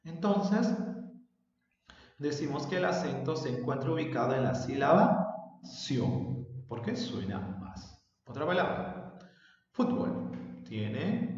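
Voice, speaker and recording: A man's voice: medium pitch, big pitch swings, slow, long pauses, a little mellow. A male language teacher explaining a lesson patiently, stretching out example words. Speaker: secondary school language teacher. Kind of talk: recorded remote lesson. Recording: dull, roomy, distant with long reverb.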